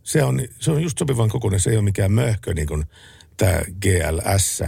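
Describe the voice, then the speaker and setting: Gravelly low-voiced male radio co-host. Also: no echo. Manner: relaxed, chatty, reads listener messages, recites verse. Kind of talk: late-night radio chat.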